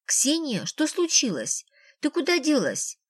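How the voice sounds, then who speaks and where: A woman's voice: high voice, wildly swooping pitch, measured pace, dry recording, clean studio sound, pitched above the performer's own voice, exaggerated voice. A woman voicing a grown man, a doctor, who is wry and a little defensive, in an audiobook. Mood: upset.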